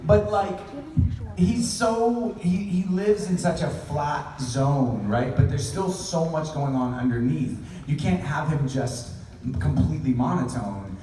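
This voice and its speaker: A man talking on a convention stage in a warm, mellow voice, thinking out loud in long rambling answers. His voice carries over the hall speakers and is caught by a phone far back in the audience, so it comes through roomy and distant with a little background hiss. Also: a little high, slow. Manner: chatty, reflective, rambling explanations. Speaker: voice actor panelist. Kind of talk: convention panel chat. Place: large convention panel hall. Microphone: panel mic through hall speakers, caught on a phone in the audience.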